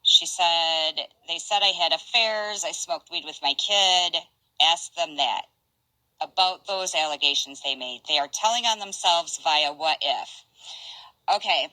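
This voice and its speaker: Slow low-voiced older woman rambling. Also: sharp tone, no echo, rough recording. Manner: rambling, halting, restarts and asides. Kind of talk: casual live-stream chat reading messages.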